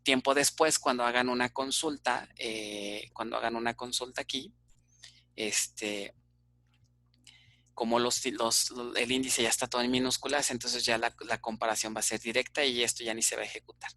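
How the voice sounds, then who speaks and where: A man's voice: mid-range voice, steady tone, moderate pace, sharp tone, no echo. A man with a Mexican Spanish accent teaching an online database class, explaining step by step and checking in with frequent "ok?" fillers.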